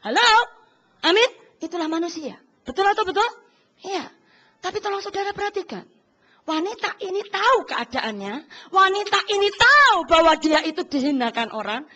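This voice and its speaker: A woman pastor preaches with lots of energy, calling out to her congregation. Her voice sits high and rings bright. She acts out little voices to make her point. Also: normal speed. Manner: animated, addresses congregation often, acts out voices. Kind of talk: sermon.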